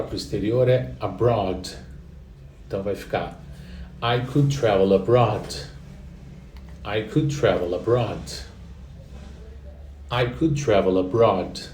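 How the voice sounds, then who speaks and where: A man with a Brazilian Portuguese accent teaching an English lesson, patiently repeating each phrase slowly for the learner. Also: fairly low pitch, dark tone, slight background noise. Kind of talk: online language lesson. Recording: roomy echo, distant from the mic.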